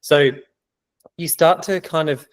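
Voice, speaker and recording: A man's voice: fairly high pitch, fairly even intonation, slow pace. A man working as an exam prep tutor, explaining in a conversational way with many fillers during a casual teaching Q&A.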